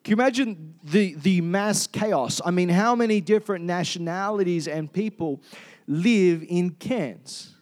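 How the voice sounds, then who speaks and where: A high-pitched, slightly mellow male voice with an Australian accent preaches at a measured pace. The sermon is conversational and chatty, with frequent questions to the congregation, many fillers, and sentences that often get restarted.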